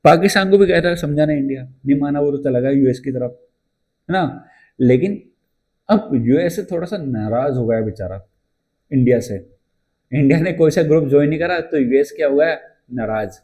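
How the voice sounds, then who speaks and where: Chatty teacher, mellow voice. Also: male voice, fairly high pitch, lively intonation. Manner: chatty storytelling, asks and answers own questions; reads English textbook lines slowly. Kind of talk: exam-prep lecture.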